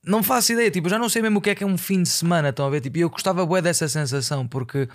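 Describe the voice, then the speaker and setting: A man's voice: sits high, very fast. A young man with a European Portuguese accent, chatting casually on a solo podcast in a rambling, slangy, confessional way with bits of English mixed in. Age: young adult. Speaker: podcast host and musician.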